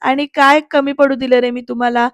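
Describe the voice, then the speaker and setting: A woman's voice: high-pitched, little pitch movement, brisk, no room sound, muffled recording. A woman voicing a frustrated, heartbroken young man who turns angrily on his friends. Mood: angry reproachful. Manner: angry, reproachful.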